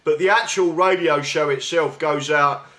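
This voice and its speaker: A man from England with a South London accent hosts a radio show, his voice slightly high, steady in tone, a bit bright, and at a normal speed. He chats casually in an interview style, hesitating and restarting often. He's in a radio studio, using a studio mic and wearing big headphones.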